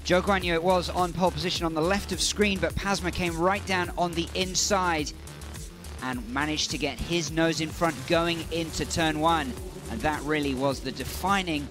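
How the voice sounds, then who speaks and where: A man commentating on a motor race in a measured style, building emphasis on key moments. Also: a little high, music in the background.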